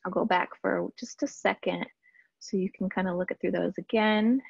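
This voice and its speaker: A woman talks through a marketing workshop in a casual, chatty way, filling her pauses with "um" and restarting her sentences. Her voice sits at a middle pitch. The sound is dry and a little dull, like a lo-fi recording. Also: steady tone, vocal fry, a little mellow, slightly rough, no echo. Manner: chatty, lots of fillers and restarts. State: briefly out of breath. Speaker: marketing strategist presenting a workshop. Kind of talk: casual slide-based webinar teaching.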